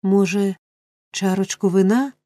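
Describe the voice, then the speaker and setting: A woman's voice: mid-range voice, fairly even intonation, measured pace, mellow, no room sound, clean studio sound, lightly acted. A woman reading a storybook, voicing a pompous middle-aged male parish beadle who speaks with stately solemnity. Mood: indignant, solicitous. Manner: stately, solemn, flustered at times.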